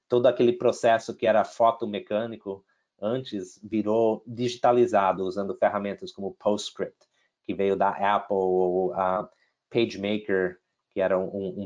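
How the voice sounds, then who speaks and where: In a casual interview, a middle-aged American investor tells the story of his career in Portuguese, peppered with fillers, restarts and English words. His voice is lowish with a darkish tone. The accent is American English, with some Brazilian and European Portuguese mixed in.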